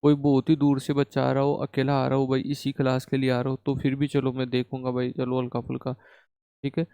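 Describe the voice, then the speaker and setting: Young guy teaching math to a class, clear voice, keeps asking "theek hai?". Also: mid-range voice, fairly quick, dry recording. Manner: animated, repeats "ठीक है?" to check the class. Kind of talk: classroom lecture. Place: classroom with students.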